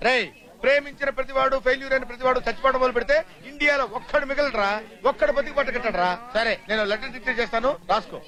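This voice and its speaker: An actor dubbing a boisterous male teacher in a comic film, joking and mocking in rapid banter. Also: extremely high pitch, sharp tone. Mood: teasing. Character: boisterous teasing male teacher giving love advice.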